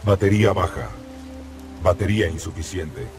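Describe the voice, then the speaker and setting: An actor voicing a calm giant male combat robot in a video game dub, reporting in flat clipped tones that its battery is low. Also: normal speed, faint music behind. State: low on battery, booting back up.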